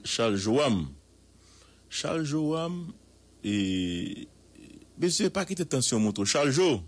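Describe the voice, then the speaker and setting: A man with a Haitian accent giving emphatic radio news commentary, repeating words for effect and asking rhetorical questions. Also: low voice. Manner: emphatic, drawn-out repetitions, proverbs and rhetorical questions.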